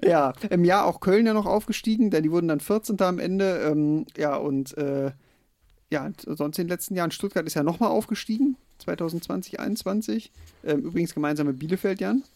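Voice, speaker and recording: A man's voice: high-pitched, fairly quick, a little mellow, no room sound, studio quality. A man co-hosting a podcast in casual chat, talking freely with frequent fillers. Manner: chatty, many fillers. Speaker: podcast co-host.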